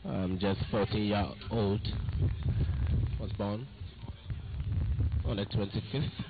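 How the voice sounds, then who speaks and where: A man giving live football commentary, calling out "ladies and gentlemen" as he narrates play. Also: on the low side, fairly even intonation, slow. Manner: keeps addressing "ladies and gentlemen". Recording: phone-like narrow sound.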